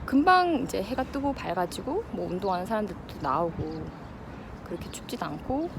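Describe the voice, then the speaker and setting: A woman's voice: medium pitch, big pitch swings, moderate pace. A woman in her thirties talks casually and reflectively to her vlog audience while running outdoors, breathing with some effort between phrases. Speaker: vlogger. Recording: noisy outdoor ambience with wind or traffic.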